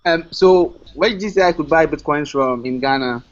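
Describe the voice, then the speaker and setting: A male host with a fairly high voice leads a casual online chat, upbeat, friendly and quick to laugh. His audio comes through dull and lo-fi.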